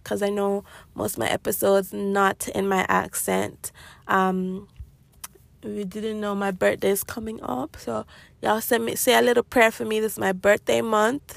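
A woman's voice: medium pitch, vocal fry, dry recording. A woman hosting a casual solo podcast, chatty and rambling, laughing often and stretching out her greetings. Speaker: podcast host.

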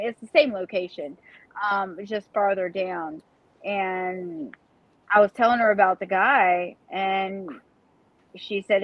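A woman's voice: medium pitch, no room sound. A woman, a paranormal investigator chatting bluntly about her experiences as a medium. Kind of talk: casual storytelling. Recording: dull, dry audio.

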